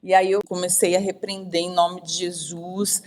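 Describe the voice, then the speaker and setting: A woman's voice: fairly low pitch, little pitch movement, moderate pace, darkish tone, slight background noise. Earnest Brazilian woman pastor telling a story. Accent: Brazilian Portuguese. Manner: earnest storytelling, reliving a family episode. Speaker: pastor and missionary guest. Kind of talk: personal testimony told in a live online conversation.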